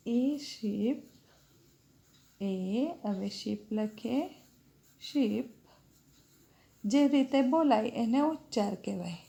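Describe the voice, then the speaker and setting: A woman teacher leads a dictation lesson for children, deliberate and unhurried, spelling each word letter by letter. Her voice is dark and mellow with a gravelly edge, and she speaks at a very slow, measured pace. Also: a little high, animated.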